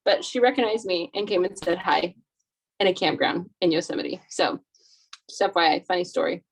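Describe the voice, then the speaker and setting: A woman on a video call, chatting casually and telling a lively story to her meeting group, full of fillers. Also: on the low side, fairly quick, husky. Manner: chatty, animated, lots of fillers. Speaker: meeting participant.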